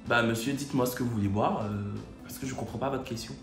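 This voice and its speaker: A man's voice: medium pitch, quick pace, voice pushed down, lightly acted. A man voicing a curt older restaurant manager, in an echoey room with faint music. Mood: dismissive. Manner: curt, dismissive.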